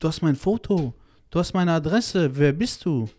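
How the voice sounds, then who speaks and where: With a warm, slightly high voice, lively intonation and normal speed, a child-protection activist talks casually as a podcast guest. He is crude and blunt, emphatic and heated, full of slang and swear words, and constantly drops "Alter."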